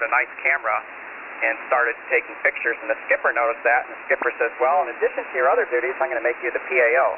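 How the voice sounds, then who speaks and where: A man's voice: mid-range voice, creaky. An older man chatting casually on an amateur radio net in marine radio style, over a two-way radio. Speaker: amateur radio operator checking in. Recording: narrow, noisy radio link with hiss.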